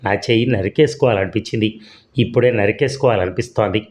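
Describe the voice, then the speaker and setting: A man's voice: on the low side, quick pace, a little mellow, natural voice. A man reading a remorseful, hot-tempered husband. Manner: coaxing, then regretful and pleading. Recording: dull lo-fi recording.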